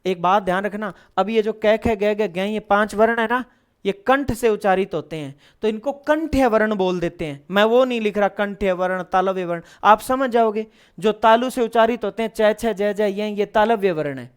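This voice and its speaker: A male teacher with a smooth, clear voice leads an online class. He poses questions and answers them himself, then chants syllables one after another in an even rhythm. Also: high-pitched, normal speed. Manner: explains step by step, asking and then answering his own questions. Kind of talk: online lesson.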